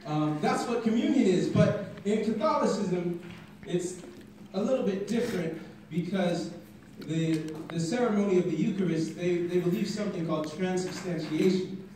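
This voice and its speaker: A man's voice: high-pitched, normal speed, recorded from a distance, a little hiss or hum. Young man performing spoken word, echoey room. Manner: builds from quiet intensity to shouting. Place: classroom at a conference, indoors. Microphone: stand mic, filmed by a phone from the audience.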